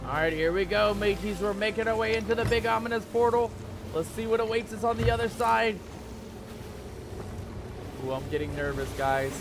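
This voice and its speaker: A man with a rather high voice gives playful gameplay commentary. He is theatrical, slips into pirate slang as he addresses his viewers, and loud music plays behind him. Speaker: gaming video host. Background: loud game music.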